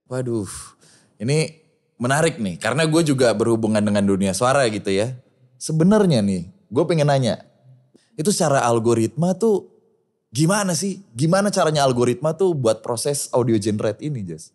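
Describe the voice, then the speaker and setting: Jokey young guy hosting a chat show, lots of iya iya, mid-pitched voice. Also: expressive, normal speed, darkish tone. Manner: playful, jokey, lots of agreeing. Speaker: host. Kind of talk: casual chat.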